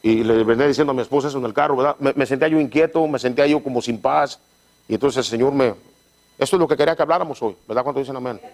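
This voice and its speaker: Guy preaching, keeps asking the church for an amen, trips over words reading the bible, mid pitch. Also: a little mellow. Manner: call-and-response, frequent "¿verdad?"; halting, repeats words while reading scripture. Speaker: pastor. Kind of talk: sermon.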